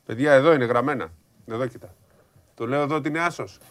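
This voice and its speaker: A man's voice: medium pitch, no room sound. A man co-hosting a sports talk show, defending his betting tip in a matter-of-fact way. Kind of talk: casual sports chat.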